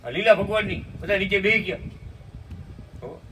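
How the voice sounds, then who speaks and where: At a satsang, a man tells a devotional story and periodically chants hymn lines slowly, asking "hum?" of those listening. His voice is fairly high and a bit bright. Captured on a distant mic, the recording carries a faint hiss.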